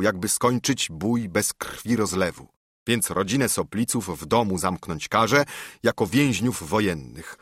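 A low-voiced man reads epic verse in a measured, rhythmic way. His tone is husky, with a soft breathiness, and the recording is close and dry with no room sound. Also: no echo. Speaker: narrator. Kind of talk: epic poetry recitation.

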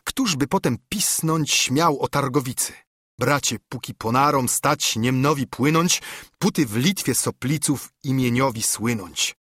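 A man's voice: mid-range voice, a bit bright, slightly rough, no echo, studio quality, voice pushed up. A man voicing a fervent old monk who urges others to rise up, in an impassioned audiobook verse reading. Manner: impassioned, urging.

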